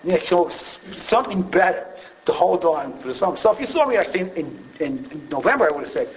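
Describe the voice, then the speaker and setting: A man's voice: sits high, very animated, a little fast. Rambling New man, dull lo-fi recording. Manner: rambling, self-deprecating, many fillers and restarts. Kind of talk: personal recovery story told to a group. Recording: dull lo-fi recording, faint hiss.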